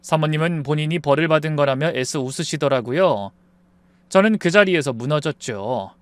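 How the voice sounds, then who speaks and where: A man narrating a first-person story in an earnest, steady way on a close mic. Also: fairly high pitch, normal speed, dry recording.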